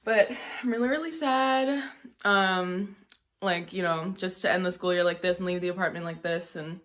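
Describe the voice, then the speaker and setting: A woman's voice: fairly low pitch, normal speed, a bit bright. A young woman from the United States chatting informally to her viewers in a casual vlog update. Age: young adult. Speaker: vlogger.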